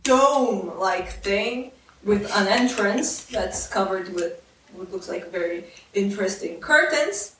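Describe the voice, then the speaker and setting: A woman's voice: mid-range voice, expressive, slow, fairly bright tone, slight background noise. A woman narrating a tabletop game as game master, in a laid-back, hesitant way with many fillers. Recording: roomy echo, distant mic.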